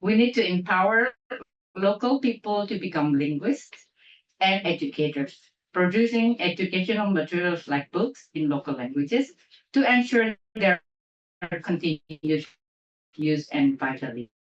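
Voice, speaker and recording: In a lecture hall, an Indonesian woman gives her prepared closing speech at an academic symposium, careful and restarting whenever she hits long words. She speaks on the low side with lively intonation and a measured pace, captured muffled by a distant mic amid the echo.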